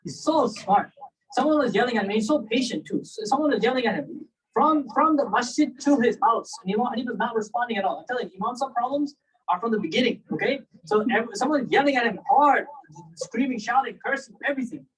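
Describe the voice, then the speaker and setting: Man, husky voice, rapid casual lecture, distant mic, poor sound quality. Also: very high-pitched. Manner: animated, conversational, asks listeners "right?" and "you know?". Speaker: Islamic lecturer. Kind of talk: casual religious storytelling lecture.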